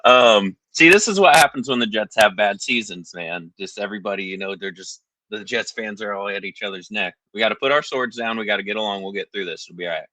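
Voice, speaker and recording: A man's voice: fairly low pitch, a little fast, few pauses, pushed and bright, dry recording, poor audio. A man calling in to chat casually as a sports fan, hesitant and chummy. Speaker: caller to a sports show.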